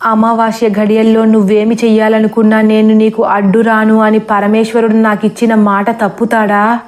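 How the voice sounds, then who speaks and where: A woman's voice: a little high, completely flat delivery, normal speed, darkish tone, natural voice. A woman voicing a vengeful female forest spirit who taunts and threatens in a storybook horror tale. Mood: taunting.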